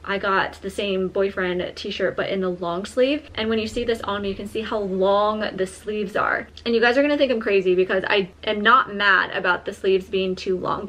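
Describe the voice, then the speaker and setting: A woman's voice: mid-range voice, a bit bright. A young woman chatting casually to her viewers in a try-on haul, full of "like" fillers, filmed in a small apartment on a camera. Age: young adult. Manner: chatty, frequent "like" fillers, friendly address to viewers. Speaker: lifestyle vlogger. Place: small modern apartment indoors.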